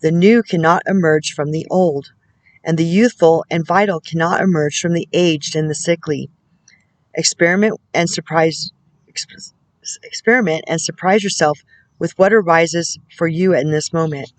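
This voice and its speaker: A woman working as a spiritual counselor, reading oracle card texts aloud in a measured way and breaking off now and then to muse and comment to herself. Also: sits low, no room sound, poor audio. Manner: measured reading broken by musing, self-amused comments.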